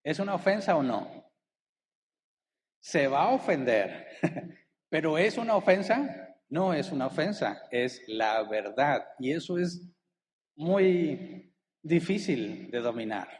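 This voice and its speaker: A man's voice: fairly high pitch, very animated, takes it slowly, pauses often, slight background noise. Man preaching a sermon in a reverberant hall. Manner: asks the congregation rhetorical questions. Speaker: pastor. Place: church hall.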